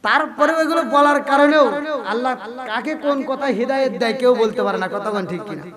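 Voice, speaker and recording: High-pitched preacher man before a crowd. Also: fast. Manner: jokey, acts out quoted dialogue, breaks into sung chanting; keeps prodding the crowd for agreement. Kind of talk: Bengali waz sermon.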